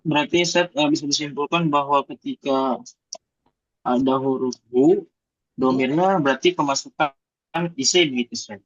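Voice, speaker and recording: A man's voice: mid-range voice, moderate pace, no echo. Guy student asking questions on a call, polite, kinda hesitant, dull dry sound. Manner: polite, hesitant, many fillers. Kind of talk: asking questions in an online class. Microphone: video call. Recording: dull lo-fi video call audio.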